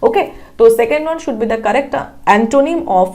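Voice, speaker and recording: A woman's voice: high voice, expressive, a little mellow. A woman from India teaching an online exam-prep lesson, explaining each question step by step and asking the viewer rhetorical questions. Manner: reads English answer options slowly and deliberately.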